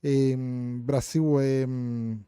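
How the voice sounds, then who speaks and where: A man's voice: medium pitch, flat delivery, drawn-out words, mellow, clean tone, no echo, clean studio sound. A man with an Argentine accent from La Plata, hosting a casual livestream and bluntly answering viewer questions, dropping in Portuguese words. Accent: Argentine Spanish, La Plata.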